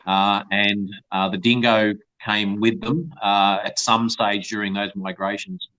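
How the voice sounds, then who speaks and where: A man's voice: on the low side, a little slow, sharp tone. A man heard over a conference call, explaining at length with many ums and uhs. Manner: long explanations, frequent uh and um. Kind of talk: casual chat. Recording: dull lo-fi call audio.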